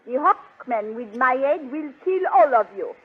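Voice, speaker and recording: An actress playing a haughty, vengeful young space princess, imperious, in a 1930s radio serial. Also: female voice, high voice, expressive, a little slow, breathy edge, full character voice. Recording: tinny 1930s radio recording.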